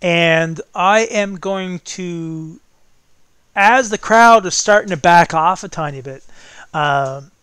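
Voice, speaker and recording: A man's voice: high voice, slow, a bit bright, clean tone, no echo. A man working as game master, improvising narration for a tabletop game.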